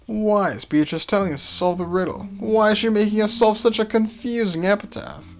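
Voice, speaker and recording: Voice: mid-range voice, brisk. A reader of ambiguous-sounding gender giving a dramatic reading of story narration and inner thoughts. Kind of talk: dramatic reading of a visual novel. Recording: music behind.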